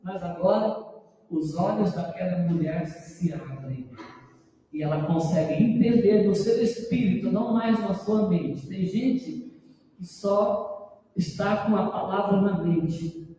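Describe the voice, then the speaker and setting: A male pastor preaching a sermon in a church, retelling scripture earnestly with dramatic pauses. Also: high-pitched, dark tone. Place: church sanctuary. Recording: echoey church hall, mic far off.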